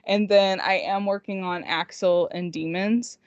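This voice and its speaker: Speaking at a measured pace with fairly even intonation, this woman's voice sits at medium pitch. She co-hosts a podcast, writes independently, and rambles informally with heavy use of "like" in casual, unscripted talk. There's no echo, though the audio is slightly lo-fi.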